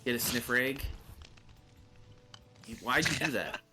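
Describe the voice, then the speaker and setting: A man's voice: mid-range voice, expressive, takes it slowly. A man from Canada, casually joking and riffing on words while playing a game on a livestream. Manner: joking, playful, riffs on words. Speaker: co-player on a livestream. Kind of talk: casual gaming chat. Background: game music.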